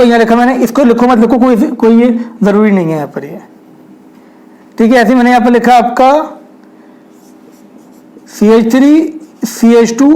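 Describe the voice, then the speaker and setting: In a low-quality recording, a young man gives a chemistry lecture at a whiteboard. He speaks to his students directly and often asks rhetorical questions, his voice extremely high and mellow.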